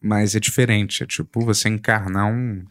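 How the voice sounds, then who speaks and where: Um homem com sotaque brasileiro numa conversa descontraída, contando casos e deixando as frases morrerem baixinho. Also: male voice, fairly low pitch, steady tone, moderate pace, no room sound, clean studio sound. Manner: chatty, storytelling, trails off softly. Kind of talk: casual chat.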